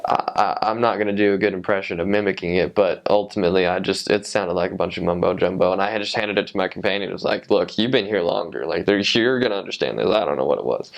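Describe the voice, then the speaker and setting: A man in his twenties with a fairly low voice and plenty of vocal fry shares personal memories in a casual way. His delivery is halting and reflective, with thoughts that often trail off before he picks them up again. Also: muffled recording. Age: 20s. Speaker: returned missionary recalling his service.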